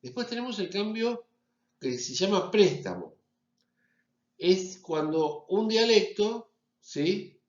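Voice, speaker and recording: This Rioplatense-accented university lecturer speaks in a high voice with lively intonation, going slowly and pausing often. His phonetics lecture proceeds step by step with regular check-ins with the class, captured in an echoey, slightly dull recording.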